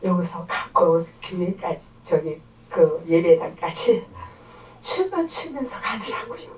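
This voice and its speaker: In a church sanctuary, a woman gives an emotional testimony, speaking fervently and acting out prayers and voices. Her voice sits on the low side with big pitch swings and a slightly slow delivery. The recording is echoey, with the mic placed far off in the church hall.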